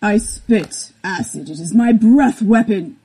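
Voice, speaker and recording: A woman voicing a formal male dragonborn newcomer. Her voice is muffled, as if heard through a wall or a mask, and she speaks in a slow, stilted way. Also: medium pitch, lively intonation, warm tone, breathy edge. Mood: stiff, muffled.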